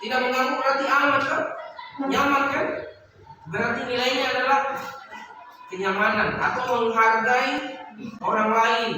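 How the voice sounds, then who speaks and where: A male teacher, patiently explaining to a class, repeating points and asking questions. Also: very high voice. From Indonesia. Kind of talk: classroom instruction. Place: school classroom. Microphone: far camera mic. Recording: echoey noisy classroom from far off.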